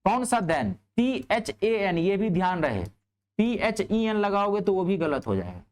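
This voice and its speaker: A man teaching a grammar class in speech, asking his students checking questions and answering them himself. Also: unhurried. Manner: lively, rising on questions and dropping low on answers.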